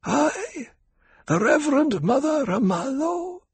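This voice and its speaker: A man voicing an ancient, frail but commanding woman priestess, with a harsh whispered voice and slow, solemn ritual intoning in an audiobook. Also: extremely high pitch, very animated, no echo, voice pushed up, full character voice. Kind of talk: audiobook character voice.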